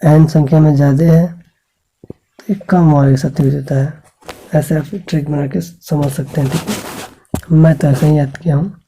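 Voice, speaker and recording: A man's mellow, slightly rough voice sits on the high side, with fairly even intonation, a moderate pace and frequent pauses, in a rough recording. He's teaching school students English grammar, spelling out sounds patiently, checking in repeatedly, and answering his own questions.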